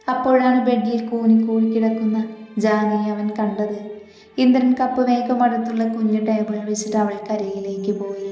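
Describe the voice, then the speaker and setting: A woman reading a romance story aloud, soft and steady, with a mellow, flat delivery. Her voice rings in a highly echoey space with a long reverb tail, and faint music plays underneath.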